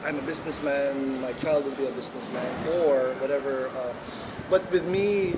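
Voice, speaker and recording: Hesitant man over loud background hum. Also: mid-range voice, moderate pace. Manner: hesitant, many fillers and restarts. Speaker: music teacher. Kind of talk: school interview answers. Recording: loud background noise, air conditioning.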